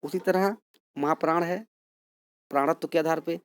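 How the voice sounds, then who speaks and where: A man's voice: fairly high pitch, normal speed, smooth, no room sound. A man teaching Hindi grammar, explaining step by step and asking and answering his own questions. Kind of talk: classroom lesson.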